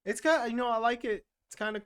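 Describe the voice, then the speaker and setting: Smooth-voiced man rambling through a movie recap. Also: extremely high pitch, fast, fairly bright tone. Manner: rambling, filler-heavy, profane, jokey. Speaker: podcast co-host. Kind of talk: casual movie recap chat.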